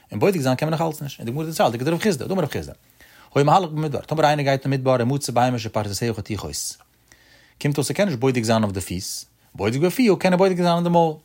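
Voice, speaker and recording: Man, religious teacher, law lesson, sing-song study cadence, rhetorical questions, mid-pitched voice. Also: darkish tone.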